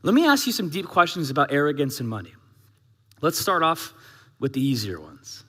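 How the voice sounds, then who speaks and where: In a big church hall where long reverb trails each phrase, a male pastor preaches a sermon in a high, bright voice with a breathy edge. Speaking at normal speed, he's lively and conversational, firing rhetorical questions at the congregation.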